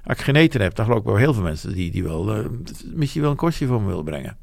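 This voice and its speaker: A man in his 70s, a business owner being interviewed, reflects frankly and at length on his working life, rambling and poking fun at himself. His voice sits fairly low with big swings in pitch, very fast delivery, vocal fry and a darkish tone. The studio-quality recording has no room sound.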